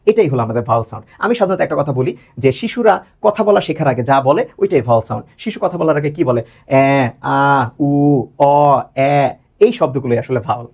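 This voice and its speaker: A male English teacher with a Bangladeshi Bengali accent giving a grammar lesson, who asks questions and answers them himself and repeats words slowly to show how they sound. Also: on the high side, big pitch swings, vocal fry, darkish tone, breathy edge.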